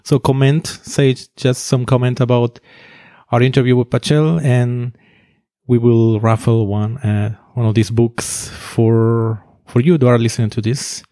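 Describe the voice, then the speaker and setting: Man hosting, mellow and halting. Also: medium pitch, steady tone, no room sound, clean studio sound. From Finland. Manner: halting, many fillers and restarts. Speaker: podcast host. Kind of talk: interview conversation.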